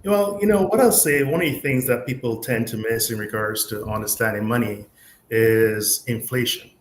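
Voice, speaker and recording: A man in his fifties from Barbados, a pension expert, calmly explaining money matters on a talk show with many fillers. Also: medium pitch, moderate pace. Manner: calm, explanatory, with frequent fillers. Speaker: pension and investments guest expert. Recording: echoey room with faint noise.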